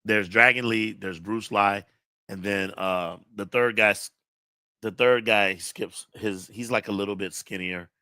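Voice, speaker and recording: A middle-aged man hosting a live stream, talking in a rambling, relaxed way with many fillers. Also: on the low side, unhurried, clear, resonant tone, no room sound. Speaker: host. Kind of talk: casual live-stream chat.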